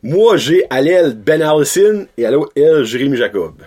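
Animated man talking hockey. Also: on the high side, normal speed. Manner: lively, mixes English words into French. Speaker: podcast co-host. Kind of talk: casual hockey chat.

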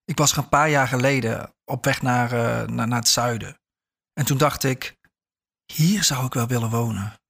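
A man's voice: medium pitch, moderate pace, vocal fry, fairly bright tone. A man reading a story aloud and voicing a nervous, stout businessman who stammers and hesitates. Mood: hesitant.

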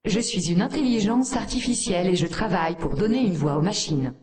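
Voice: medium pitch, brisk, a little mellow, close to an everyday voice. A performer voicing a sardonic female artificial intelligence that talks down to humans with cold contempt, in an echoey room. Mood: scornful.

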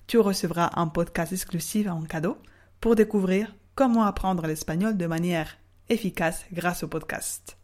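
A woman teaching Spanish on a podcast lesson, speaking slowly and drawing out model words for the listener to repeat. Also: lowish voice, darkish tone. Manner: slow, carefully spelled-out model words for repeating.

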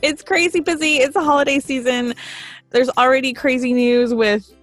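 A woman's voice: sits high, fairly even intonation, normal speed, soft background music. A woman hosting a casual chat, bubbly and full of fillers like "like" and "uh", often laughing. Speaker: podcast host. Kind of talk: casual conversation.

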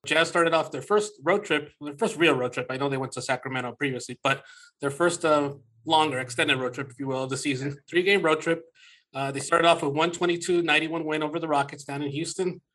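Bright-voiced male sports podcast host. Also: a little high. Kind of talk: conversational sports podcast hosting.

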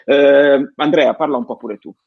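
Husky-voiced guy joking around, muffled lo-fi audio. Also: medium pitch, normal speed. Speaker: podcast co-host. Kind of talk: casual discussion. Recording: dull lo-fi audio.

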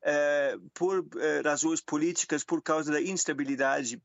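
German-accented man, higher-pitched, halting. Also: steady tone, vocal fry, a bit bright, dry recording. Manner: hesitant, halting phrases with repeated words. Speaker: international relations professor, interviewed expert. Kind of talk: live expert interview commentary. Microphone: Skype call. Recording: dull, lo-fi internet call.

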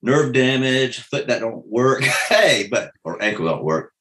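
A man in his fifties, a guest instructor, telling stories in a lively, casual way and restarting words as he goes. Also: medium pitch, unhurried, background noise. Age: 50s. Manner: animated storytelling, repeats words as he starts. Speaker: guest, self-defense instructor. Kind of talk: casual conversation.

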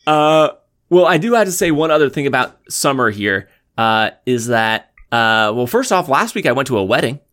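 A man co-hosting a casual podcast chat, rambling and halting with fillers. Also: medium pitch, big pitch swings, fairly bright tone. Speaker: podcast co-host.

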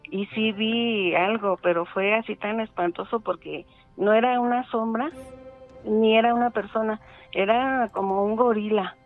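A middle-aged woman, calling in to tell a ghost story in a halting way with many fillers, over a phone line. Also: on the high side, fairly even intonation, soft background music. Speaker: caller telling a ghost story.

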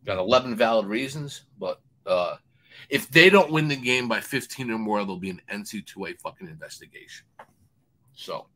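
A man who bets on sports, telling a long profane story in a loud rant and acting out other people's lines. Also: on the low side, expressive, moderate pace. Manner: loud, swears constantly, acts out other voices. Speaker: sports betting handicapper guest.

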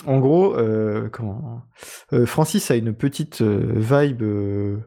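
A man co-hosts a film discussion in a colloquial, comic storytelling style. His delivery is wry and hesitant, at a medium pitch for the conversation. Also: takes it slowly, dark tone.

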